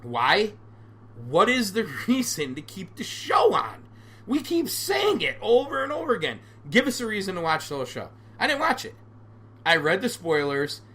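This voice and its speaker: A man's voice: on the high side, a bit bright. A man in his forties hosting a solo podcast, ranting sarcastically and with animation. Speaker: podcast host.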